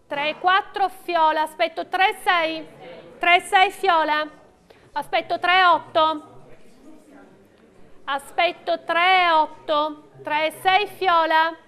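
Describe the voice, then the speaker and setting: A woman's voice: very high-pitched, fairly even intonation, slow, a bit bright. A middle-aged woman working as an auctioneer, calling bids in short, repeated phrases of prices and names. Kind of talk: auction bidding calls.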